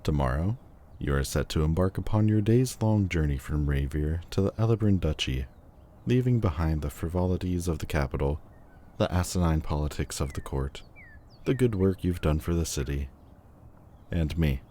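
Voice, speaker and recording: A man playing a lovelorn lord general, voicing a farewell letter in a formal, slow, yearning way in an audio roleplay. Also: sits low, lively intonation, warm tone, slight background noise. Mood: solemn yearning.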